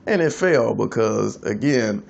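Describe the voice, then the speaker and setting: A man who works as a freelance IT consultant, sharing his story in a reflective monologue, halting and repeating words as he goes. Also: on the low side, expressive, gravelly, lo-fi sound.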